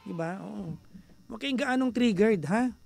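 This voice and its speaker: Filipino male radio host, high gravelly voice, playful teasing banter with listeners, studio mic. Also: animated, moderate pace. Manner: chatty, mixes Tagalog and English, teasing, playful; bursts into loud, high exasperated rants. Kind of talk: casual radio talk with listeners.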